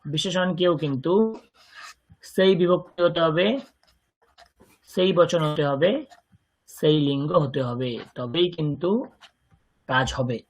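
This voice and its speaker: A man's voice: on the high side, fairly even intonation, takes it slowly, long pauses. A man with a Bengali accent teaching a Sanskrit grammar lesson, patiently explaining and repeating words for his students. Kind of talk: online language lesson.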